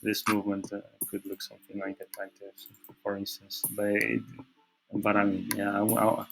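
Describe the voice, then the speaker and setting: This trading channel host, a native Portuguese speaker with a matching accent, talks through market charts on a screen share, often restarting and using fillers. He speaks at normal speed in a lowish, monotone, creaky voice, with music underneath and poor audio quality.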